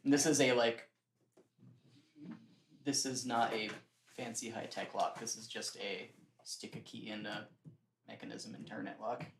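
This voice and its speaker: A man's voice: lowish voice, measured pace, vocal fry, long pauses, a little hiss or hum. Man narrating a game, echoey room. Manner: relaxed, laughs often while narrating. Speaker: game master.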